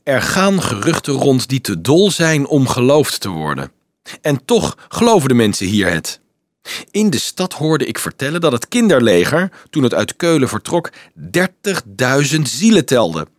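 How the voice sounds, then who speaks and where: A man's voice: mid-range voice, normal speed, no room sound, studio quality, natural voice. Man voicing a mocking worldly student. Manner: mocking, animated. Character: mocking worldly male student, lively talker.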